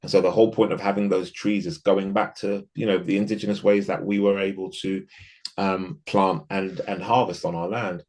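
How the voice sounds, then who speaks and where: A man's voice: low-pitched, level tone, normal speed, a little mellow. A man from the UK, a podcast guest talking in a casual interview, reflective and thinking aloud with frequent restarts.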